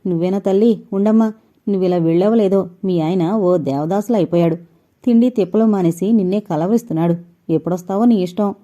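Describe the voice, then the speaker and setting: A woman's voice: mid-range voice, brisk, dark tone, dull audio, natural voice. A woman voicing a worried mother who scolds her grown son, in an audio novel. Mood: teasing. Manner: scolding, fretful.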